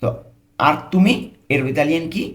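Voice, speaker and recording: A young man teaching a beginner language lesson, patient and repetitive, slowing down to spell out each new word. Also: on the high side.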